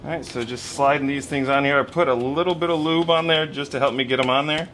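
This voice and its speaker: A man's voice: medium pitch, fairly even intonation, fast talker, fairly bright tone. A man in his thirties talks through his engine work in a home garage, loose and easygoing, explaining each step as he goes. His voice sits in a middle range and is picked up by the camera mic. A faint hiss and tool clicks run behind him. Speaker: garage mechanic host. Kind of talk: casual how-to narration.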